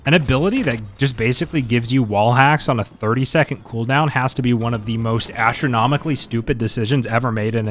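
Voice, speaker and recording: A man's voice: mid-range voice, a little hiss or hum. A man giving casual, opinionated gameplay benchmark commentary, chatty and mildly exasperated. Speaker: gaming content creator.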